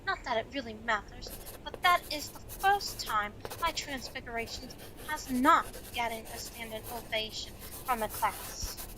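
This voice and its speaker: A woman playing a stern, brisk, wry older professor in an audio drama, with a dry, exasperated manner. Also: on the high side, background noise, lightly acted.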